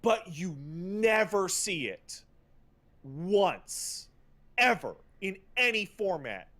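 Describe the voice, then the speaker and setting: A podcast host with a high-pitched, sing-song voice that sounds pushed and bright goes on a casual video game rant. He stops and starts, swears emphatically, and repeats and mockingly paraphrases things.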